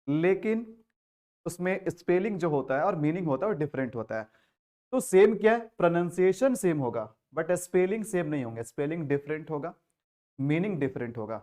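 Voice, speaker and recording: A man's voice: a little high, darkish tone. Indian man teaching an exam-prep lesson. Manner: explains step by step, asks questions and answers them. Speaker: English teacher.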